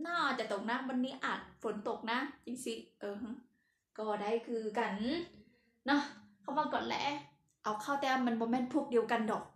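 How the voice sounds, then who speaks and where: A woman with a Lao accent gives a relaxed language lesson with a slightly high voice. She talks chattily and laughs at her own slips. The sound has an echoey room around it. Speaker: language teacher.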